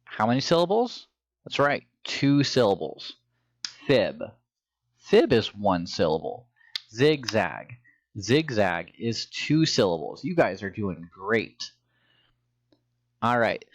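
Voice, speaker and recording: A man's voice: medium pitch, no room sound. A man teaching a phonics and reading lesson to young children, with patient, encouraging instructions.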